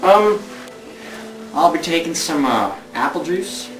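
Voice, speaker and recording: A man's voice: on the high side, very animated, slow, a bit bright, full character voice. A young man playing a polite, folksy cowboy lawman in an amateur Western parody. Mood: polite, easygoing. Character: polite, laid-back Old West lawman cowboy. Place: basement den at home. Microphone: camcorder across the room. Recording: roomy, distant camcorder sound.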